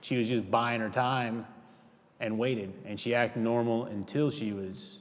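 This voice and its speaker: A man's voice: medium pitch, steady tone, unhurried. Casual man in an echoing church hall. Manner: casual, rambling with many restarts. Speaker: safety trainer. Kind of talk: church safety training talk. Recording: reverberant hall.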